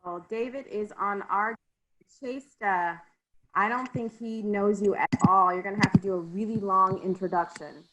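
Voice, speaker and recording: A woman moderates a group video call, calling out names in an easy, casual way. Her pitch is average for a woman. She talks through a video call mic. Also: normal speed, fairly bright tone, a little hiss or hum, rough recording. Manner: friendly, apologetic, calls names.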